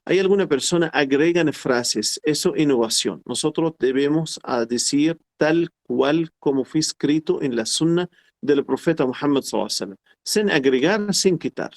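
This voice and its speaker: Middle-aged man teaching a class, slightly high voice, patient and repetitive. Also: expressive. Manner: explains slowly and repeats phrases, quotes Arabic formulas. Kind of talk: online class lecture.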